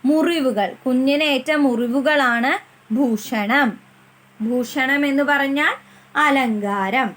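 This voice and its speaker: Slow high-voiced woman teacher. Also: a bit bright, poor audio. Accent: Malayali. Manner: slow, repeats each answer for children to say after her. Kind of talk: primary school lesson.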